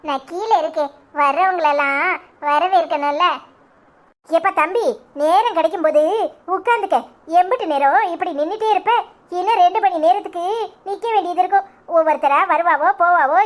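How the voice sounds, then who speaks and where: A woman's voice: very high voice, fairly quick. A woman voicing a caring, bossy family grandmother in a cartoon, speaking with a Kanyakumari Tamil accent. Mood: fussing.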